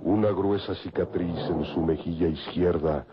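A man's voice: deep voice, fairly even intonation, moderate pace, very noisy, natural voice. A man giving dramatic scripted radio narration in a grave, florid storytelling manner. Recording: dull lo-fi radio with loud music.

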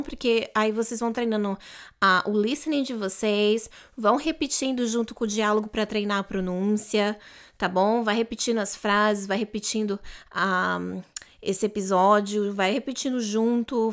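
A woman with Portuguese as her first language, patiently explaining an English dialogue line by line and checking in often. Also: a little high. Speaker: English teacher.

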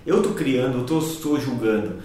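A man's voice: lively intonation, normal speed, dark tone. A man reflecting aloud in casual conversation, often checking in with his listener. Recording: roomy, echoey with low rumble.

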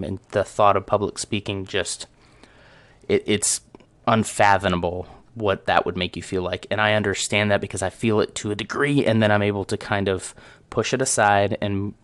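A man's voice: on the low side, no room sound. A man hosting his own audio show, talking casually and reflectively to listeners about himself. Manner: reflective, conversational, self-aware. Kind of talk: casual solo talk. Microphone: close studio microphone.

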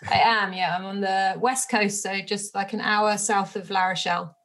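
A woman's voice: mid-range voice, steady tone, normal speed, a bit bright. A woman from the UK, a sobriety coach, talking casually in an interview with many fillers and easy laughs. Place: home bedroom.

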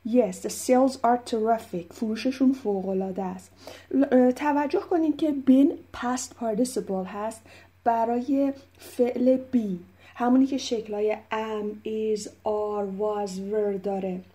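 A woman with a Persian accent teaching English vocabulary, explaining patiently and reading English example sentences slowly and clearly. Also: on the high side, warm tone.

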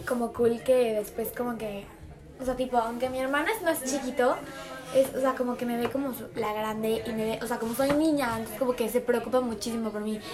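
A woman's voice: a little high, fairly even intonation, a little fast. Rambling woman over crowd noise. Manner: rambling, many fillers. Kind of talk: casual chat.

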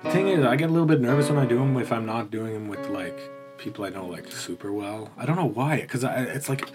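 A man's voice: medium pitch, fast, over loud music. Rambling West of Ireland man. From Galway, Ireland. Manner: rambling, animated storyteller with stop-start phrasing. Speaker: podcast guest. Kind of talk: casual comedic chat.

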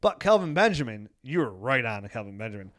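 A man's voice: medium pitch, big pitch swings, quick pace, a bit bright, no echo, clean studio sound. A man co-hosting a fantasy football podcast, who rambles, jokes and roasts players in casual chat. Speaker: podcast co-host.

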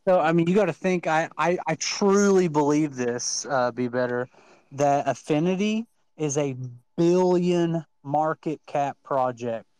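A man with a fairly high voice chatting casually as co-host of an online audio show. He talks with persuasive enthusiasm and often restarts his sentences. The sound is dry and close. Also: measured pace, darkish tone, clear, resonant tone, no echo, rough recording. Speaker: co-host of a crypto talk show. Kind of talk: casual chat.

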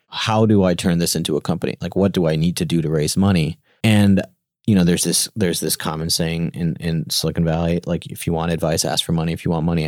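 A deep-voiced man in his thirties, a startup founder appearing as an interview guest, speaks casually in a clean studio recording with no echo. His first language is Gujarati, and his delivery is halting, full of restarts and fillers, with animated quoting.

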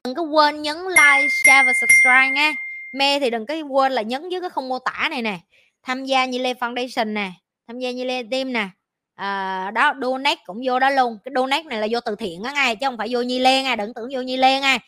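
Bright breezy host. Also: female voice, high-pitched, a little fast, no echo, clean studio sound. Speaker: podcast host. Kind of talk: channel sign-off.

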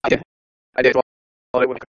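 A man's voice: a little fast, fairly bright tone, no room sound. Male podcast host on a glitchy, warbling call line, robotic breakup, dull lo-fi sound, hesitant. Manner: hesitant, many fillers. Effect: glitchy warbling robotic call audio. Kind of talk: casual online call chat. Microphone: online call microphone. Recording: dull lo-fi internet call audio.

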